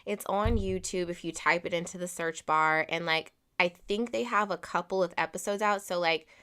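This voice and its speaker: A woman with a fairly low voice, chatting casually as a podcast co-host. She tells her story candidly, peppering it with "like" and swearing freely. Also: moderate pace, fairly bright tone, smooth. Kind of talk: casual chat.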